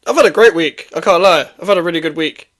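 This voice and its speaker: A man's voice: on the high side, quick pace, fairly bright tone. A man chatting casually and easily in slang as a football fan panelist. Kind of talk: casual chat.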